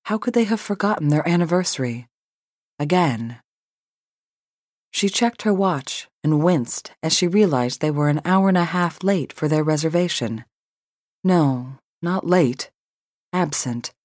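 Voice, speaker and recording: A woman narrating an audiobook in an emotive, measured reading. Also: low voice, expressive, darkish tone, dry recording, clean studio sound. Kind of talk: scripted narration.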